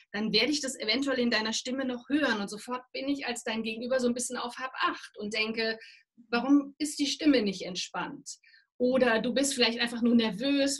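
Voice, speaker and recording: A woman working as a voice and presentation trainer, explaining calmly and instructively in an interview. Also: on the high side, husky. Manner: calm, instructive, demonstrates breathing.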